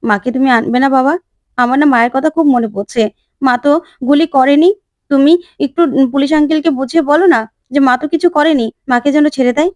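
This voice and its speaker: A woman's voice: sits high, fast, a little mellow, dry recording, natural voice. A woman voicing a little girl who misses her mother, speaking in a pleading, tearful way.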